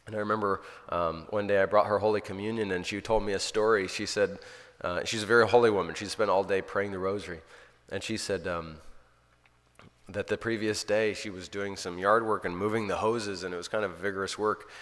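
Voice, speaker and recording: Earnest priest in a reverberant hall. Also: male voice, lowish voice, steady tone, brisk, a bit bright. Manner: earnest, storytelling, often restarts sentences. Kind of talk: informal spiritual talk.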